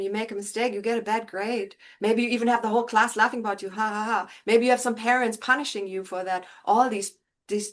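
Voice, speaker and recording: A woman co-hosting an interview, talking in a reassuring, philosophical way about learning from mistakes. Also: mid-range voice. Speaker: co-host. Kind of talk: conversational interview talk.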